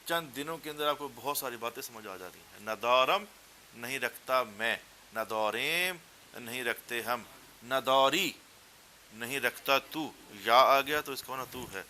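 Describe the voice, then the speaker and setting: Man, Punjabi accent, classroom teacher, clear bright tone, faint hiss, repeats words and chants verse. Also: medium pitch. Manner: explains step by step, repeats words, chants Persian verse slowly and loudly. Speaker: teacher of a Persian text class. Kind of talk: classroom lesson. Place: classroom with students.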